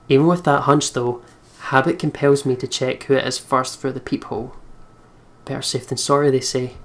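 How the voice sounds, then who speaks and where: Hosting a let's play, a man with a mid-range voice reads the visual novel's narration aloud, telling the story expressively.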